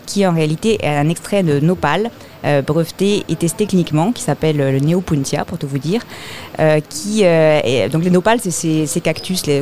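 A woman's voice: low voice, darkish tone. A woman explaining a supplement at a live talk, technical and hesitant, with many fillers. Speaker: product expert guest.

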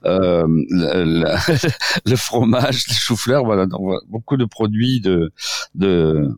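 A man's voice: low-pitched, lively intonation, no room sound, clean studio sound. A man with a southwestern French accent, a doctor speaking as a guest in a radio interview, who often restarts while searching for his words. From southwest France. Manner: halting, many false starts while searching for words.

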